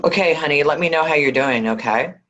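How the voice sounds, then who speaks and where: A woman's voice: low-pitched, fairly quick, a bit bright, lo-fi sound. A woman hosting a spiritual healing session on a video call, soothing and affectionate, calling callers honey.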